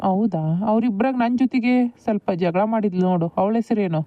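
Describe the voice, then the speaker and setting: A woman's voice: medium pitch, fairly quick, no room sound, natural voice. A woman voicing an eager, lovestruck young man in a cartoon, prying for a girl's name. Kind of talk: cartoon voice acting. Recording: dull lo-fi dry audio.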